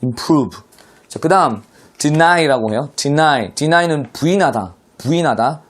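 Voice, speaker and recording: A man's voice: a little high, lively intonation, takes it slowly. A man teaching English vocabulary to middle school students in an online class, speaking with a Korean accent and often addressing his students directly.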